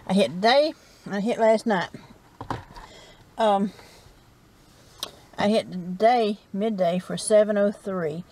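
Parked in her car at night, a middle-aged South Carolina woman with a Southern accent vlogs on a dashboard camera, rambling folksily between bites in a casual chat. She speaks slowly in a medium-pitched, warm voice, pausing often, over slight background noise.

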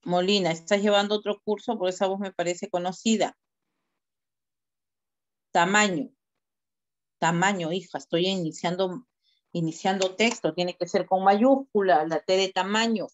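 A woman's voice: mid-range voice, fairly even intonation, normal speed, pauses often. A woman, a teacher giving direct, corrective feedback on student work over a video call. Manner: direct, corrective, gives step-by-step instructions. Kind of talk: online class feedback. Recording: dull lo-fi video call audio.

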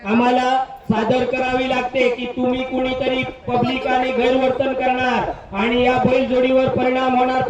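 A man giving live commentary on an outdoor race over a loudspeaker PA system, exclaiming praise again and again and firmly repeating rules for the crowd. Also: extremely high pitch. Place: outdoor bullock cart race ground. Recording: echoey, distant, muffled loudspeaker sound.

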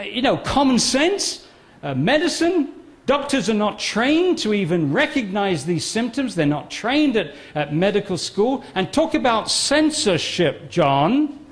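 A man giving a public talk, emphatic and sarcastic, often repeating phrases for effect. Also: sits high. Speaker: guest speaker. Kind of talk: public talk on a health controversy.

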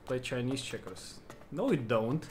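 Slow-paced male streamer over loud game music. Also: mid-range voice, lively intonation. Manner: joking, rambling banter. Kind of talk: casual livestream chat over gameplay. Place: indoor room at home.

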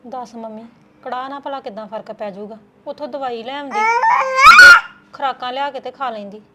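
A woman's voice: a little high, fairly quick, muffled recording, heavy background noise, lightly acted. A woman playing a fussing, caring young sister-in-law in a Punjabi village web drama, homely and conversational, with a Punjabi accent. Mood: fretting.

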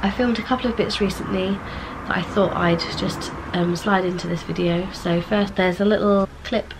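A young woman chatting casually in a vlog, her voice croaky and bunged up from a cold. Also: medium pitch, fairly even intonation, normal speed, background noise. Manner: chatty, softly sing-song baby talk. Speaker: vlogger. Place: outdoors, walking along a road. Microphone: handheld camera.

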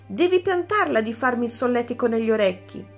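A woman's voice: extremely high pitch, very animated, takes it slowly, fairly bright tone, soft background music, voice pushed up, exaggerated voice. A woman voicing a vain, pompous prince who squeals and gets irritated easily, in a children's story reading. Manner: squealing, self-important.

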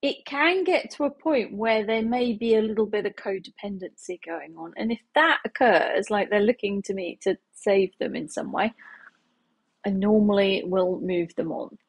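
A woman's voice: medium pitch, normal speed, husky. A woman in her thirties, a healing practitioner, talking casually to camera from her living room, chatty and laughing often. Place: small home living room, indoors.

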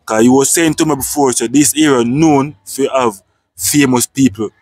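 A man's voice: mid-range voice, moderate pace, darkish tone, no echo. Casual host guy, mid voice, keeps saying know what i mean, dry close sound outdoors. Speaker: vlog host and interviewer. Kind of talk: casual interview talk. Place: outdoors, sitting by a dirt road.

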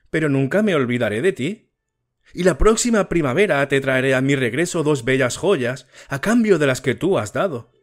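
A man's voice: fairly high pitch, pitched above the performer's own voice. A man voicing a kind-hearted little swallow. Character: kind-hearted small male swallow bird. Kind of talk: audiobook character reading.

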